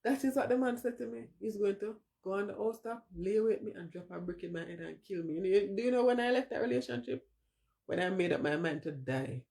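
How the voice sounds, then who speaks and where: A woman's voice: mid-range voice, a little fast, vocal fry, dark tone. A woman in her forties with a Jamaican accent, hosting a casual livestream, talking openly and emotionally and slipping into patois as she answers viewers. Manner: emotional, switches into patois, talks to viewers in chat. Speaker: livestream host.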